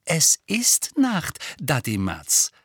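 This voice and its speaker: A man's voice: a little high, huge pitch swings, very slow, husky, dry recording, voice pushed up, heavily acted. A man voicing a cool, sarcastic teenage boy who mocks his cousin. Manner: dry mocking sarcasm.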